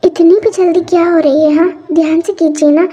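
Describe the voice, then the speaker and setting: A woman's voice: very high voice, little pitch movement, a little fast, mellow, faint music behind. A woman voicing a tearful young bride who pleads with her father and then scolds her new husband, in an amateur fan audio drama. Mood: scolding.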